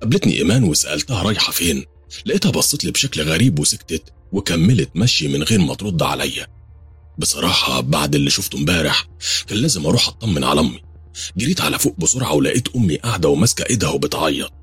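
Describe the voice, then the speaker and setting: Male narrator, Egyptian accent, first-person horror story, tense and dramatic, deep husky voice, lively delivery, dry recording. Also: no room sound. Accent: Egyptian Arabic.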